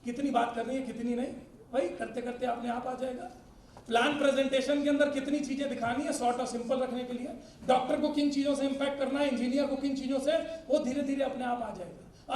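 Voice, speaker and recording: High-voiced man, energetic sales trainer. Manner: energetic, joking, uses cricket analogies; laughs often while speaking. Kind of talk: motivational sales training talk. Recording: echoey room, distant mic, faint noise.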